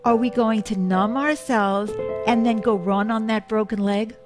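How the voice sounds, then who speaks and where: Her voice is a little high, steady and unhurried: a 70-something woman hosting a show as loud music plays in the background. She chats casually and ramblingly to viewers, mocking herself and adding joking asides.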